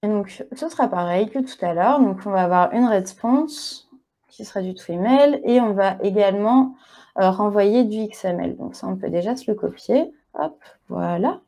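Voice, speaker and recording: Mellow-voiced woman giving a casual tech talk. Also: mid-range voice, moderate pace. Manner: casual, chatty, punctuates steps with "hop" and "voilà". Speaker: conference speaker. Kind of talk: tech conference talk with live coding demo.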